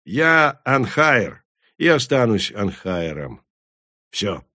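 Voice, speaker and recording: A man's voice: on the low side, sing-song, slow, pushed and bright, no room sound, clean studio sound, heavily acted. A man reading an audiobook, voicing a bitter male werewolf warrior who talks bluntly and swears. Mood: scornful.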